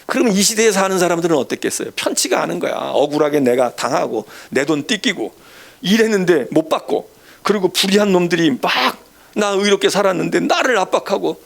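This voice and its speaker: A middle-aged pastor from South Korea preaching with a high, animated voice that carries a gravelly edge. He talks to the congregation as if chatting, slipping into the voices of the people he quotes and then pressing his points hard. His pitch rises and falls widely from one phrase to the next. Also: brisk. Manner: conversational, acts out quoted voices, swings from soft asides to stern emphasis. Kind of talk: sermon.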